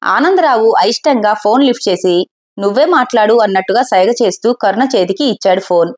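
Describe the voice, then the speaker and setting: A woman storyteller narrating a scripted family story at a steady pace. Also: medium pitch, quick pace.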